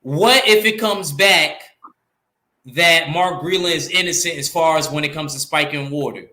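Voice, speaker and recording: A man's voice: a little high, moderate pace, echoey room. A man with a New York accent, co-hosting a casual boxing talk show and making his point emphatically, repeating lines for effect. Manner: animated, emphatic, repeats himself. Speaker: podcast co-host.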